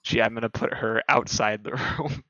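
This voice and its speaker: A man acts as game master for a tabletop game. His voice is bright and sharp. He describes scenes in a dramatic, halting way, on a slightly muffled, roomy recording. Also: mid-range voice, steady tone. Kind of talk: narrating a tabletop role-playing game.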